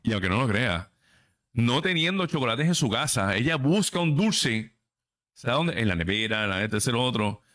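A man's voice: medium pitch, very animated, moderate pace, a bit bright. Blunt, profane man. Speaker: podcast host. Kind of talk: casual livestream chat.

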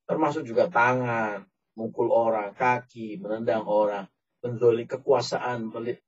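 A man giving a lively religious talk to a congregation, breaking into acted quotes and English words. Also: mid-range voice, measured pace, slightly rough. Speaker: preacher. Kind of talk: Islamic sermon to a live audience. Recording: dull, distant mic.

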